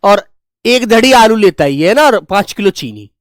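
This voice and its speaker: A man's voice: high voice, big pitch swings, moderate pace, dry recording, studio quality. A man doing a chatty homely mother. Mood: instructing. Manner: chatty, rustic everyday speech. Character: homely middle-aged mother giving errands.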